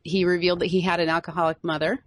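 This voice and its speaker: A woman's voice: lowish voice, little pitch movement, very fast. A woman interviewing an actor in a chatty, enthusiastic way. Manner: chatty, enthusiastic fan questions. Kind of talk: casual interview chat.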